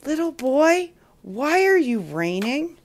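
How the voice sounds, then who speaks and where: A woman voicing a sad, gentle little cloud that has lost its flock, speaking softly. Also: sits high, very animated, slow pace, voice pushed up, exaggerated voice.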